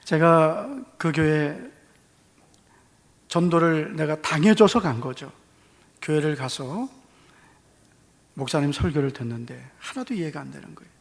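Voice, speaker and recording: A man with a Gyeongsang Korean accent preaching a testimony sermon, telling his story with lively acted-out dialogue. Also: a little high, measured pace, vocal fry, long pauses. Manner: animated storytelling, acting out dialogue. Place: church hall. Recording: long church reverb.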